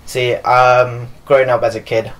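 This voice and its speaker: A man's voice: mid-range voice, level tone, measured pace, a bit bright, poor audio. A young man from Nepal, a dancer and choreographer, answering interview questions in a loose, filler-heavy way while seated in a living room. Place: living room with leather sofas.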